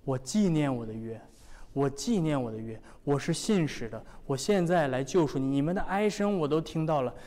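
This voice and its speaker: A man's voice: a little high, lively intonation, moderate pace, mellow, big-room sound, lightly acted. A male preacher voicing God in a sermon, declaring promises with emphatic repetition. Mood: solemn. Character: solemn God declaring His faithfulness.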